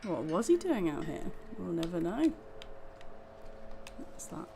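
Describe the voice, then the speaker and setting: A woman's voice: lowish voice, big pitch swings, moderate pace, gravelly, warm tone, slight background noise. A woman giving casual gameplay commentary, muttering to herself in a sardonic way. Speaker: gamer playing and commenting.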